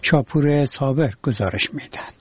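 A man's voice: medium pitch, heavy background noise. A man with an Afghan accent reading scripted news as a radio presenter.

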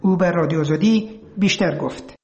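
In an echoing room, an Afghan man reads a scripted radio report. His voice sits high for a man, and he delivers the news as a reporter. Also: creaky, a little mellow, lo-fi sound. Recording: roomy, echoing voice recording.

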